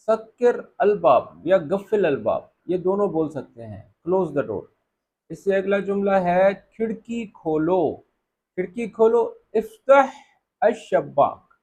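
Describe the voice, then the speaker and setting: A man teaching spoken Arabic phrases, saying each phrase slowly and more than once before explaining it. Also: sits high, darkish tone, slightly rough. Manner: repeats phrases slowly and drawn out, then explains. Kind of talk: spoken language lesson.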